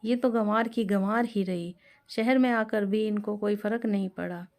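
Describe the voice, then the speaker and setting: A woman's voice: mid-range voice, fairly even intonation, moderate pace, darkish tone, lightly acted. A woman voicing an exasperated middle-aged mother-in-law who scolds in exclamatory complaints. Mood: scolding.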